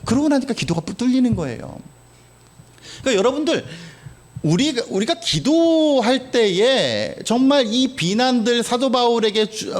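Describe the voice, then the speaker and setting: High-pitched, lively male pastor preaching. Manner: animated, conversational storytelling with rhetorical questions. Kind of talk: sermon.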